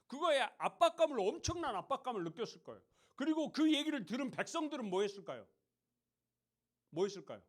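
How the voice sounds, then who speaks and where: A fast-talking youth pastor with a voice that sits high and sounds very animated gives a sermon to teenagers in a church hall. He chats with them, asks them questions often, and acts out mocking voices.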